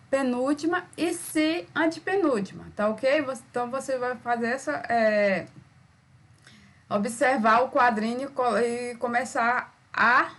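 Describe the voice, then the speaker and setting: A Brazilian woman teaching a recorded school lesson, patient and repetitive, sounding words out slowly and checking in with "tá ok?" after each step. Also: a little high, fairly bright tone. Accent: Brazilian Portuguese.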